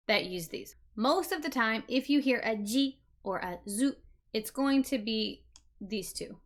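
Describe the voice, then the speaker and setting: A woman's voice: fairly high pitch, a bit bright. A woman giving an online beginner Japanese lesson, patiently repeating example words and often checking in with "right?". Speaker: Japanese language teacher.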